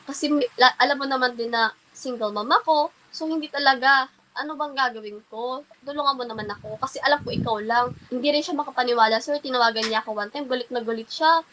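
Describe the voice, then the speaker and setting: A woman's voice: high voice, fast, fairly bright tone, low-quality recording. A woman being interviewed, telling her story politely and hesitantly, with many restarts and fillers. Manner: polite and hesitant, keeps addressing the interviewer respectfully. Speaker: interview guest.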